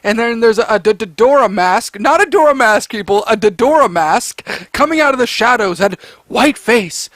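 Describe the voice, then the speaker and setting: A man's voice: extremely high pitch, animated, normal speed, few pauses, a bit bright, no room sound. A man ranting as he reviews a creepypasta, rambling and stammering with exasperation. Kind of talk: ranting commentary.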